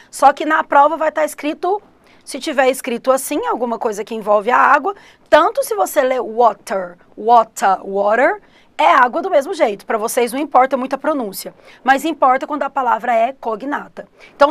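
Middle-aged Brazilian woman, high-pitched, dry close recording; lively English teacher coaching students for exams. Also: no echo. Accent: Brazilian Portuguese. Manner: lively, addresses students directly, refers to herself as teacher. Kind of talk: online exam-prep lesson.

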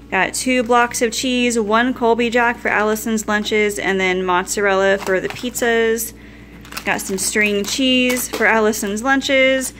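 A woman's voice: medium pitch, fairly bright tone, a little hiss or hum. A woman in her thirties chatting casually and upbeat from her home kitchen, going item by item. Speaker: vlogger showing a grocery haul. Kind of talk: casual chat.

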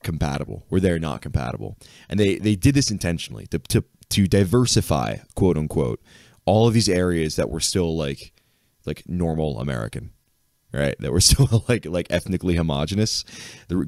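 A man's voice: sits low, a little mellow, dry recording, studio quality. A man hosting a podcast in casual chat, rambling with many fillers and frequent laughs. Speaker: podcast host.

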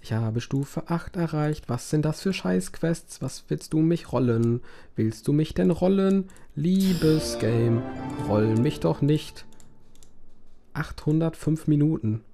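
A man's voice: on the high side, slow, gravelly, warm tone, faint music behind. Man cursing at a browser game. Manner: swears and groans at the game, dramatic outbursts. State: strained voice. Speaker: let's play gamer. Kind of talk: let's play commentary.

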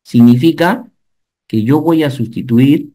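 A man, giving an animated online safety lecture and often checking whether the class follows. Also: mid-range voice, unhurried. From Peru. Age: 50s. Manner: animated teacher, asks the class checking questions. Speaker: occupational safety instructor.

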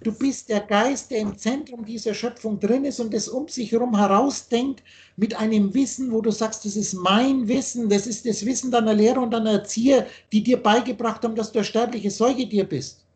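A man's voice: very high-pitched, steady tone, fairly quick, a little mellow. A man teaching on a video call, lecturing insistently and spelling out letters as he explains. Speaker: spiritual teacher.

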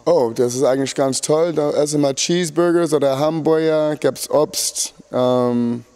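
A middle-aged man, a basketball coach, answering interview questions in a sports hall, halting with many fillers. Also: on the high side, warm tone, clear, resonant tone. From Germany.

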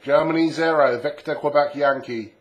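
A man's voice: fairly high pitch, normal speed. A man working as an amateur radio operator, repeating a phonetic callsign in a clipped way. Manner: clipped, repetitive. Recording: radio operating with static noise.

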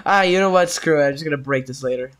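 A man's voice: a little high, quick pace, fairly bright tone, a little hiss or hum. A man who is sick, giving casual, jokey let's-play commentary on a horror game and getting easily spooked. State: sick, coughing. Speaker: gameplay commentator.

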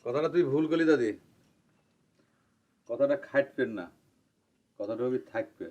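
An actor playing a boastful village strongman in a TV drama, speaking slowly and swaggering in rural dialect. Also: medium pitch, darkish tone, highs cut off, close to an everyday voice. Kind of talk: TV drama acting.

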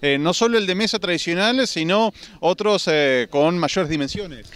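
Smooth male reporter. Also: sits high, expressive, normal speed, fairly bright tone. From Uruguay. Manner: formal, with hesitant "eh" fillers. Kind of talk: news interview questions.

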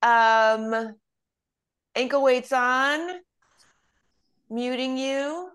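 A woman in her fifties leading a live online exercise class from home, chatting and laughing before calmly cueing each move. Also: sits high, extremely slow. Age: 50s. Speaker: fitness instructor.

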